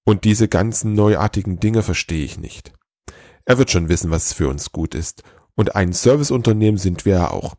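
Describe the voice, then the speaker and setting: A man's voice: low voice, expressive, moderate pace, a little mellow, dry recording, clean studio sound. A man reading a weary kindly old Santa. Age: older. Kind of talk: storybook reading.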